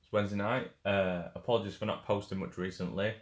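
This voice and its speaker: A man's voice: fairly low pitch, steady tone, fast talker, roomy sound. A man hosting a music reaction video, talking casually with lots of fillers and frequent swearing. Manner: laid-back, swears freely, many fillers.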